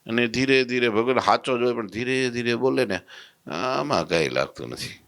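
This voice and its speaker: A man giving a storytelling sermon in a folksy, animated way, slipping into voices for his characters. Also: medium pitch, moderate pace. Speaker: preacher giving a religious discourse.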